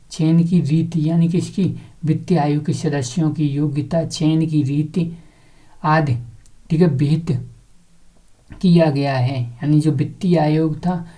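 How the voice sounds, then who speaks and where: Low-voiced woman drilling exam facts. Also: mellow. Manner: drills with repeated questions and answers. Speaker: teacher. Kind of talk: exam-prep lecture.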